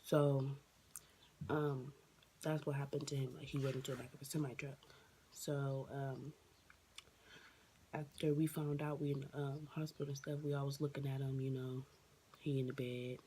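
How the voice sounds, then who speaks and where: A woman telling a personal story on her vlog, emotional and near tears, halting with many fillers and restarts. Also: very deep voice, flat delivery, warm tone, a little hiss or hum. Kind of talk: casual storytime monologue.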